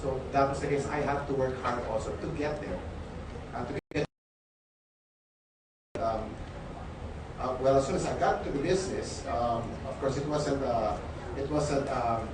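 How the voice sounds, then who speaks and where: A man's voice: medium pitch, unhurried, pauses often. Filipino man, stammers through his story, distant and echoey, noisy hall. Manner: stammering, many repeated words. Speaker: speaker at a company event. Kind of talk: personal success story.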